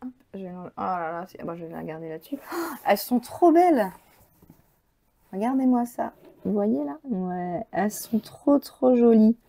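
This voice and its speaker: A woman's voice: mid-range voice, lively intonation, moderate pace, vocal fry, mellow. A woman hosting a crafting channel, chatting casually and enthusiastically as she unboxes supplies, thinking aloud with many fillers.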